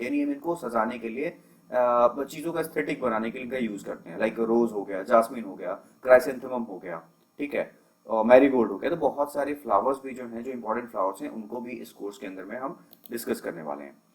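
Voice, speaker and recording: A young man's mid-range voice comes through a low-quality recording as he moves fairly quickly through an agriculture lecture with slides. He explains terminology patiently, uses lots of fillers, and slips English words into his Hindi.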